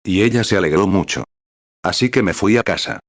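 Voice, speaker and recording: A man with a very low voice reads a sermon aloud in a calm, measured way and calls out the numbered paragraphs as he goes. The recording is dry and close, with no room sound. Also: no room sound. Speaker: reader of a translated sermon. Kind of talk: sermon read aloud as narration.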